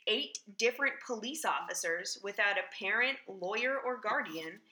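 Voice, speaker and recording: A woman co-hosting a podcast, relaxed as she recounts the details of a case in casual chat. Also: medium pitch, moderate pace. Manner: relaxed storyteller, reads out search results. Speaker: podcast co-host.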